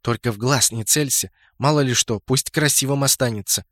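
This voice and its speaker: A man's voice: medium pitch, normal speed, fairly bright tone, dry recording, clean studio sound, lightly acted. A man reading an audiobook, voicing a cocky, teasing woman who leads an alliance.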